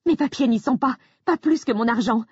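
A woman reading a panicked young wife, shrill and pleading. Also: brisk, darkish tone, husky, no echo, highs cut off. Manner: shrill, pleading, near hysterical. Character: frightened young woman insisting on her story.

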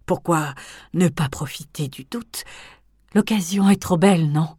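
A woman voicing a cold, menacing elderly aristocratic grandmother in an audiobook, speaking in hushed, often whispered tones that swell into threats. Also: fairly low pitch, a little slow, breathy edge, dry recording, studio quality. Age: older. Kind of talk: audiobook character reading.

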